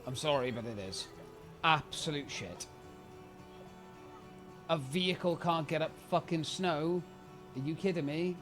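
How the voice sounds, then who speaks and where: A man's voice: on the high side, a little slow, pauses often, over music. A British man streaming a video game, ranting in an exasperated, profane way. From United Kingdom. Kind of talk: casual live-stream commentary.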